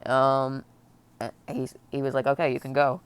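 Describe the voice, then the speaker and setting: A woman crying and very upset, venting personally in a blubbering, tearful, halting way. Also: extremely low pitch, little pitch movement, smooth. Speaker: vlogger. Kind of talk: emotional personal vent to camera.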